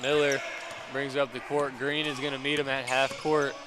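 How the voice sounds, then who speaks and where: A young man calling live high school basketball play-by-play, with quick calls that rise when big plays happen. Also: level tone. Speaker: play-by-play commentator. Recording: noisy gym ambience. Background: gym crowd and bouncing basketballs.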